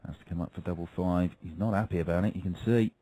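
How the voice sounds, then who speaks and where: A man's voice: low-pitched, fast, warm tone, no echo, low-quality recording. A man calling a darts match as lead live commentator.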